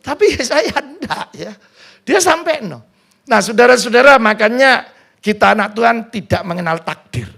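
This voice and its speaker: A male pastor with an East Javanese accent preaching a sermon at a church service in an animated, folksy way, dropping into a hushed voice to act out prayers. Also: extremely high pitch, moderate pace, vocal fry.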